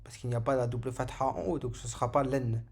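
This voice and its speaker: A man's voice: mid-range voice, little pitch movement, quick pace, darkish tone, husky. A man giving a patient, step-by-step lesson on Arabic letters, repeating each sound for learners. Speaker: Arabic teacher. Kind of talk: slow step-by-step alphabet lesson.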